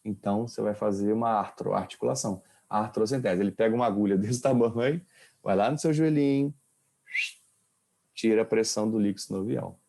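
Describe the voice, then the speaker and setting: Gravelly-voiced male professor, casual lecture. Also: fairly low pitch, brisk, mellow. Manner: casual, quizzes students with questions. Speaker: kinesiology professor. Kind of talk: informal lecture.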